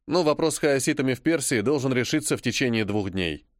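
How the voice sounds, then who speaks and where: A man narrating a first-person novel in a calm, measured reading. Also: medium pitch, no echo, studio quality. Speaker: audiobook narrator.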